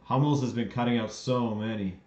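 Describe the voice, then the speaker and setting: A man from western Canada hosts a live watchalong, reacting to the play and answering chat questions in a relaxed, offhand way. His voice sits at an ordinary middle pitch. The sound is roomy and somewhat dull, like a lo-fi streaming setup. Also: fairly quick. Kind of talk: casual live watchalong commentary.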